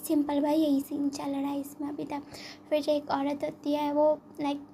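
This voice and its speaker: A young woman casually retelling a comic story in a quiet voice from a room at home, mixing in English words. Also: sits high, monotone, normal speed, a little hiss or hum. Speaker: manga explainer. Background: ceiling fan running.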